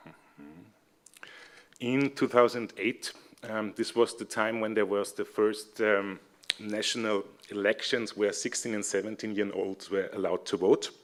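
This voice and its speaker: This young adult man, a seminar speaker and civic educator with an Austrian accent, gives a conference presentation in a friendly, hesitant way full of fillers. His voice is on the low side, with fairly even intonation and a measured pace.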